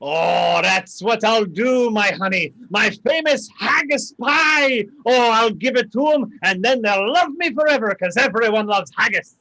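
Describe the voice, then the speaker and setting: A man's voice: high-pitched, lively intonation, a little slow, few pauses, heavily acted, low-quality recording. A man doing a blustery Scottish husband. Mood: exasperated. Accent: put-on Scottish. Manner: blustery, shouting at the neighbor. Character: flustered Scottish husband, fussing over his garden.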